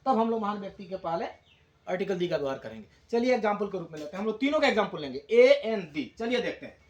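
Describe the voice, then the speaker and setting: A man teaching English grammar, explaining slowly in Hindi and repeating key words for his class. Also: sits high, big pitch swings, roomy sound, muffled recording.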